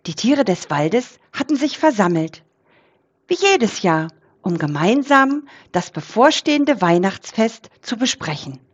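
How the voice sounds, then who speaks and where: Woman storyteller, animated and slow, for children's audio. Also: on the high side, muffled recording. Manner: expressive, unhurried.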